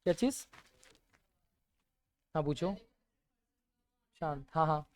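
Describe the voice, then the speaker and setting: Here a male teacher reviews material with his class, asking questions he doesn't expect them to answer and murmuring one-word replies to many himself. His pitch leans high, and he talks slowly.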